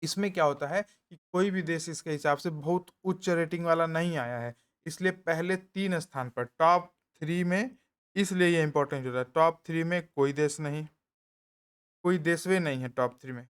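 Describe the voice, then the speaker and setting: A man teaching an exam-prep lesson in casual Hindi, talking quietly so as not to wake others nearby, repeating key points and adding jokey asides, with an eastern Uttar Pradesh accent. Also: on the high side, moderate pace, clean tone. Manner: speaks softly to avoid waking others.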